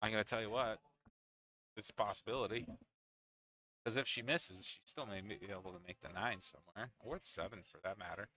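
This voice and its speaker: A man's voice: fairly low pitch, brisk, pushed and bright. A man calling a pool league match live, chatting with his co-commentator between shots. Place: indoors at a pool league venue.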